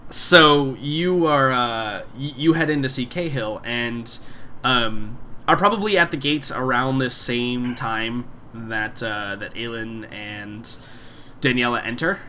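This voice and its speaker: Man running the game, bright tone, loose rambling narration, light background noise. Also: mid-range voice, slow pace. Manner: rambling, full of fillers. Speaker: game master.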